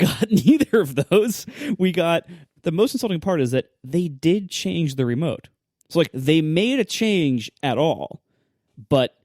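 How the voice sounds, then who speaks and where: A man's voice: a little high, a little mellow, no echo, clean studio sound. A man co-hosting a casual podcast, ranting with exasperation, full of fillers and short laughs. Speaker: podcast co-host. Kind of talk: casual tech podcast chat.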